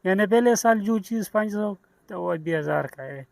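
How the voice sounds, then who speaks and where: High-voiced Pakistani market trader, blunt. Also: male voice, animated, normal speed, creaky, a little mellow, no echo. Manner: short blunt answers. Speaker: secondhand shoe seller. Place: outdoor street market.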